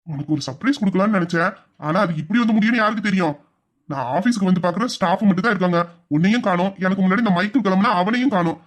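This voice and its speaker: A man's voice: sits high, very fast, natural voice. A man playing a teasing young husband in an audio drama, mock-stern and scolding. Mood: complaining. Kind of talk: Tamil audio drama acting.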